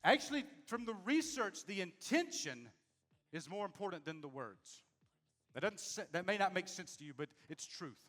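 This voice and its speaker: High-voiced man giving a stage talk. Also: moderate pace, soft background music. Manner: lively, addresses audience directly, asks "make sense?". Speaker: speaker on leadership and communication. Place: stage before a live audience.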